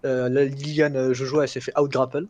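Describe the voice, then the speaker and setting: A man's voice: mid-range voice, level tone, brisk, a little mellow, lo-fi sound. A man co-hosting a podcast, recapping fights in casual chat, laughing and stumbling over names. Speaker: podcast co-host.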